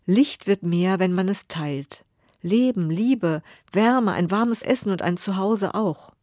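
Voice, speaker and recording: A woman voicing a proud, stingy, grumpy king who talks loudly and indignantly. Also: mid-range voice, expressive, slow, no echo, studio quality. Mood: softened. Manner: loud, indignant, blustering.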